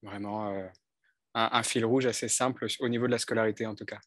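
A coach and speaker from northern France, a man in his thirties, tells his life story in a video call interview from a bright indoor room, speaking into a headset. His voice is on the low side, fairly bright, fairly quick and even in intonation, with a little hiss or hum. He sounds thoughtful and hesitant, restarting often.

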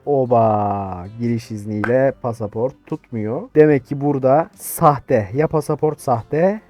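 A man's voice: medium pitch, measured pace, no echo, faint music behind. A young man, commentating a game, talking back to the characters and getting short-tempered. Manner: talks to game characters, grows irritated and shouts insults. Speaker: gaming YouTuber. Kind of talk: casual gameplay commentary.

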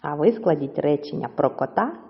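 A woman teacher giving a slow, clear lesson to children, stretching words out syllable by syllable. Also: sits low, lively intonation. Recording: dull audio with long reverb.

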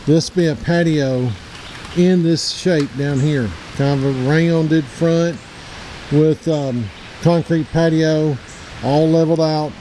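Walking through his backyard with a handheld camera, this outdoors channel host from Middle Tennessee, a man in his forties, rambles plainly and self-corrects in a casual vlog. He speaks slowly in a fairly high, steady voice with a warm tone, over slight background noise on poor audio.

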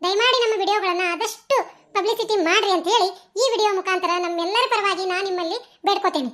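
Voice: very high voice, fast talker, pushed and bright. A channel creator with a North Karnataka Kannada accent, speaking directly to viewers in an earnest, pleading way. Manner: earnest, pleading, a light laugh.

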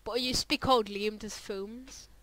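A woman's voice: on the high side, steady tone, normal speed, fairly bright tone, poor audio. A young woman chatting casually as she reacts to her own old videos, rambling with lots of fillers and trailing off. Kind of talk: casual reaction vlog commentary.

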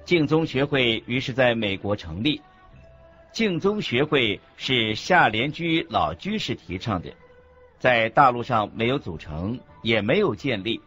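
With big swings in pitch around a mid-range voice, a man narrates a monk's teachings from a radio drama script at a measured pace. His tone is a bit bright and his reading careful and didactic, heard through muffled sound with music behind it.

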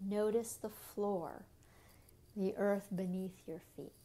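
A woman guides a body scan meditation gently and without hurry, her medium-pitched voice fairly even. She speaks in short phrases that end softly and breathily, leaving long pauses between them.

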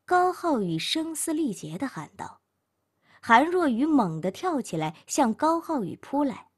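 A woman narrating a workplace novel as an audiobook, reading in an expressive storytelling manner. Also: high voice, measured pace.

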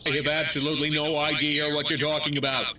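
An actor voicing an alien who poses as a human mayor and talks in stiff, flat, unconvincing imitations of human small talk, as video game dialogue. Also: male voice, on the high side, fast talker, natural voice. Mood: flatly denying. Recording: distant game audio with noise behind.

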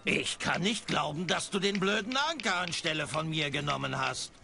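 An actor voicing a pompous, melodramatic, indignant evil talking skull in a cartoon adventure game. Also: male voice, fairly high pitch, normal speed, vocal fry, sharp tone, slight background noise.

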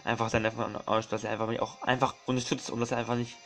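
A man's voice: mid-range voice, level tone, quick pace, background noise. A man doing casual let's play commentary, rambling and apologizing often, repeating his words and calling his viewers his friends.

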